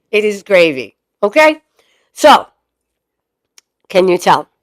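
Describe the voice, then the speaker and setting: A woman's voice: mid-range voice, drawn-out words. A woman in her fifties with a Boston accent, chatting and joking to camera about her life as a dog breeder. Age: 50s. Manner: chatty, joking, animated storyteller. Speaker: dog breeder and channel host. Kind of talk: casual chat to camera.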